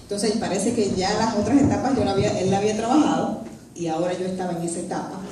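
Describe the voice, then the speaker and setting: A woman giving an earnest personal testimony in a church, telling her story haltingly with restarts. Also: medium pitch, background noise. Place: church hall. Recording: very echoey hall, voice from far off.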